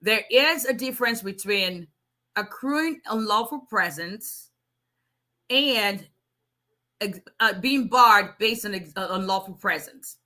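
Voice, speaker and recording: During a casual livestream Q&A, an immigration attorney in her forties from Nigeria fields questions from viewers. She speaks in a slightly high, sharp, strong voice, chatting freely with many restarts.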